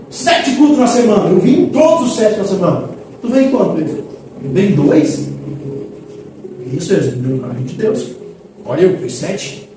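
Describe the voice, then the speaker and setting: A man preaching a sermon in a church, animated and acting out dialogues between God and churchgoers. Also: very high voice. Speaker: pastor. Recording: echoey church hall from far off with background noise.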